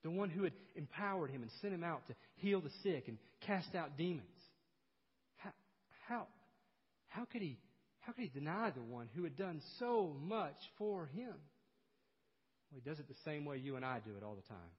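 Preacher in a reverberant church. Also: male voice, sing-song, moderate pace, husky. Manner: storytelling, swings between loud emphasis and hushed low delivery. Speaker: pastor. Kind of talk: expository sermon. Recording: dull sound with long hall reverb.

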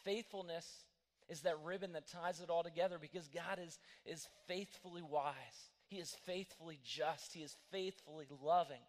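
A man's voice: on the high side, fairly even intonation, moderate pace. Guy preaching in church, earnest story mode, restarts a lot, reverby sanctuary. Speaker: pastor. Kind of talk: sermon.

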